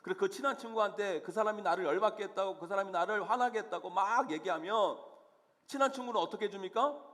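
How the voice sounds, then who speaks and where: A man's voice: high voice, fast talker, fairly bright tone. A male senior pastor preaching a sermon in a church sanctuary, earnest and emphatic, with many questions to the congregation. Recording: long reverb of a church hall.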